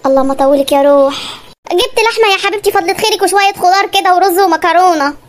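A patient, put-upon Egyptian housewife from a comic cartoon, played by a woman, polite on the surface and exasperated underneath. Her voice is squeaky and very high, and she speaks in quick bursts. She has an Egyptian Arabic accent. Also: a little hiss or hum. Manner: polite, sweet, exasperated asides. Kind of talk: cartoon comedy voice acting.

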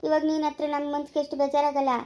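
A woman's voice: high voice, completely flat delivery, racing, darkish tone, lightly acted, poor audio. A woman playing a caring village aunt who soothes and scolds, repeating warnings, in an amateur family drama.

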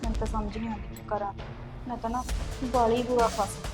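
High-pitched young woman pleading, Punjabi accent, defensive village drama voice, faint music behind, as a woman acts her. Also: flat delivery, quick pace, natural voice. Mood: worried. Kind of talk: village web-series drama.

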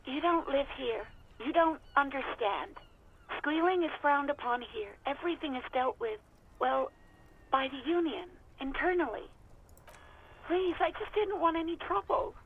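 A woman's voice: high voice, animated, a little slow, slight background noise. An actress playing an anxious, exasperated young woman in a video game, speaking hesitantly and resignedly through a radio receiver. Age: young adult. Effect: radio receiver filter. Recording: narrow tinny radio line.

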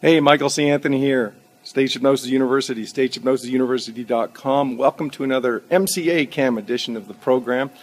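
A man's voice: medium pitch, steady tone, fast talker, hardly any pauses, long reverb tail. A man in his forties, a performer and instructor, giving an informal walkthrough to a handheld camera inside an empty theater. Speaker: stage hypnosis instructor and performer. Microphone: handheld camera at arm's length. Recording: noticeable background noise.

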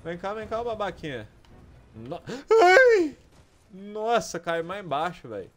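A young man with a Brazilian Portuguese accent giving live gameplay commentary, excitable, swearing often and yelling at enemies. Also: high voice, a little fast. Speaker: gaming streamer.

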